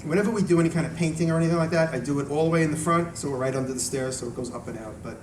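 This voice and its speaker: A man's voice: a little high, racing. Echoey, distant man giving an informal talk. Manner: conversational, rambling, self-interrupting. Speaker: video maker giving a talk and taking audience questions. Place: echoey room at a live event. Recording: echoey room, distant mic, noisy background.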